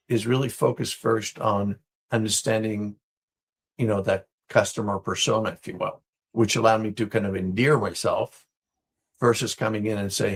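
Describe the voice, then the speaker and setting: A man from Israel, a business guest answering interview questions in a thoughtful, measured way with many fillers. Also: lowish voice, creaky, breathy edge.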